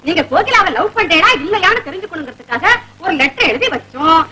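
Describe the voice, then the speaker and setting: A bossy meddling auntie. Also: female voice, sing-song, quick pace, bright, forceful tone, full character voice, poor audio. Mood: indignant. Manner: scheming, scolding, theatrical swoops in pitch. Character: bossy meddling middle-aged woman neighbour. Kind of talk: 1970s Tamil film comedy acting.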